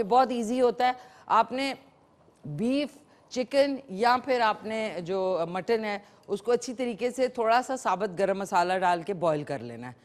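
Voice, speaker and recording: A woman from Pakistan hosting a live morning cooking show, chatty and playful, slipping English phrases into her talk. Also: mid-range voice.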